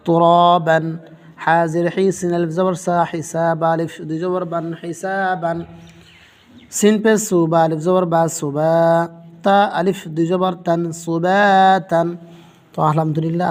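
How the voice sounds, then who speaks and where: A man teaching Quran reading, slowly spelling out letters and vowel marks syllable by syllable in a methodical lesson. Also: fairly high pitch, a little mellow, long reverb tail. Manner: slow, methodical letter-by-letter drilling.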